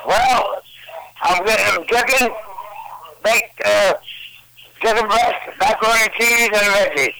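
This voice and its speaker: A man's voice: high-pitched, unhurried, vocal fry, pauses often. Man on a choppy, noisy phone line. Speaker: radio show caller. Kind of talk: casual call-in chat.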